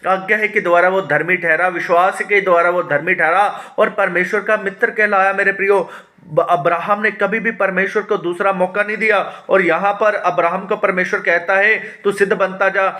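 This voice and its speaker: A pastor leads a Bible study in a fairly high, bright and forceful voice. He reads verses aloud and explains them, pausing on hesitation sounds. He asks questions and answers them himself, and often addresses his listeners as his dear ones. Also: fairly even intonation.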